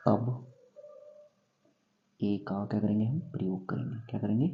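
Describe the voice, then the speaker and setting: A man teaching English grammar in a classroom-style lesson, going slowly and asking himself questions before he answers them. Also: lowish voice, steady tone, gravelly, lo-fi sound. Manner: slow, repeats and quizzes himself with questions.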